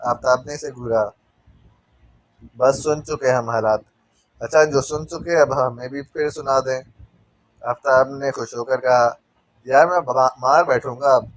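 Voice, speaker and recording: Man, audiobook narrator, mid pitch, dry recording, lively banter. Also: no echo. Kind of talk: reading a spy novel aloud, voicing all characters.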